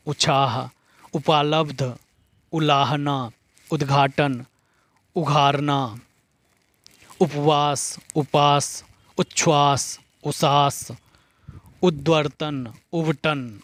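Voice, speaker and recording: A man giving an exam-prep vocabulary lesson, reading out word pairs one by one in a steady drilling rhythm. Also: a little high. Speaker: teacher.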